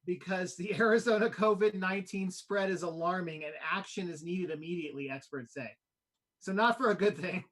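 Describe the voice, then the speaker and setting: Fast-talking high-voiced man. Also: fairly bright tone. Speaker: co-host of a local news livestream. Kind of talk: casual chat.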